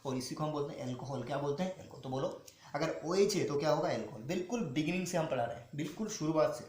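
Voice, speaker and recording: A male chemistry teacher explaining step by step, asking questions, answering them himself and slowing down to spell out formulas. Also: on the high side, a little mellow. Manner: repeats questions and answers them himself, calls students "beta". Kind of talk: classroom-style teaching. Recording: echoey room with faint noise.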